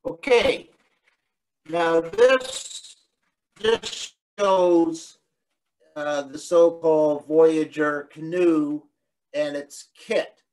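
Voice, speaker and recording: A middle-aged man gives an online illustrated talk from a room at home, his voice sitting a little high for a man. He speaks slowly and easily, with frequent ums and restarts as he explains. The sound is plain video-call audio. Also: slight background noise, rough recording. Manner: relaxed explanatory, many fillers and restarts. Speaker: guest lecturer.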